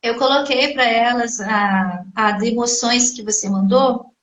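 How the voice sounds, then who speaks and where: A woman's voice: a little high, unhurried, fairly bright tone. A woman hosting a casual live conversation, talking directly to her viewers. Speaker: host of a live stream. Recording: roomy echoey sound.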